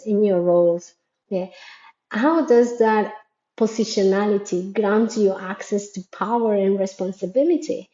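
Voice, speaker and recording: In an echoey room where the high frequencies are lost, a woman with a warm, mid-pitched voice offers a reflective, earnest monologue full of questions for listeners. She is a Latin American educator, Spanish as her first language, and the creator of a school framework.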